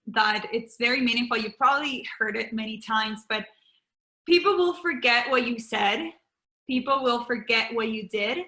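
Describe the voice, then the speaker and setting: A woman's voice: on the high side, bright, forceful tone, echoey room. A woman hosting a video call, upbeat and motivational. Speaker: host. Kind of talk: casual Zoom talk.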